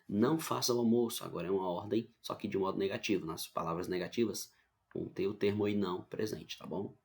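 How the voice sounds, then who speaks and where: A male teacher with a Brazilian Portuguese accent gives an online grammar lesson, explaining things patiently and checking in with his students often. His voice is low and a bit dark, with vocal fry, a steady tone and a quick pace.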